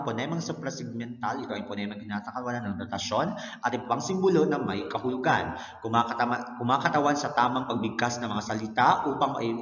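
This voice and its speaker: Man, teacher explaining a lesson, tag questions, mid pitch, roomy reverb, muffled lo-fi recording. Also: a bit bright. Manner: explanatory, frequent "no?" tag checks; mixes English terms into explanations. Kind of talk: recorded Filipino language lecture. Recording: roomy echo, dull lo-fi sound.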